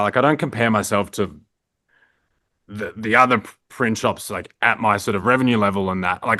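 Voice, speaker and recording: Low, bright-toned Australian man. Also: dry recording, clean studio sound. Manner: rambling, filler-heavy, frequent "like". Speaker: print shop owner, guest. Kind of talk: casual interview chat.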